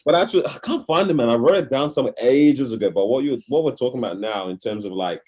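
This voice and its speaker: A young Australian man co-hosts a podcast, telling a story in casual, slang-heavy chat. His mid-range voice is expressive and fast, and he laughs loudly as he goes.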